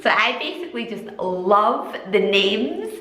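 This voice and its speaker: A young Scottish woman chats casually to her camera, giggling now and then and drawing out her favourite words. Her voice sits in a middling pitch. She is recorded in a noticeably echoey room. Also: big pitch swings, pushed and bright. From Scotland. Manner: chatty, giggly, drawn-out emphatic words. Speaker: vlogger and mother of two.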